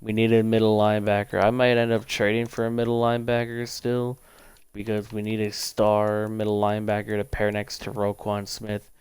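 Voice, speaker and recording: Young male livestreamer, offhand thinking-aloud chatter, crisp clean voice in a dead-dry room. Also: fairly low pitch, a little mellow, no echo. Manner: rambling, thinks aloud, quick bursts. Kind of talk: casual gaming commentary.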